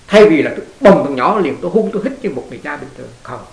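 A Buddhist monk gives a conversational dharma talk, telling stories and asking his listeners questions. His voice is slightly high, expressive and very fast, with vocal fry. The recording comes from an echoey room with a faint hiss.

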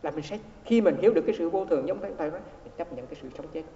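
A man's voice: on the high side, animated, racing, warm tone. A man, a Buddhist monk, giving a dharma talk as he tells a story, repeating words and acting out the quoted exchanges. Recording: echoey hall, dull lo-fi sound.

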